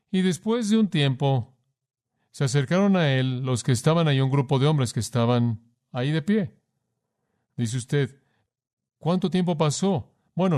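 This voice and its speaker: A man's voice: medium pitch, a little mellow. Male preacher, earnest sermon delivery, presses listeners with direct questions.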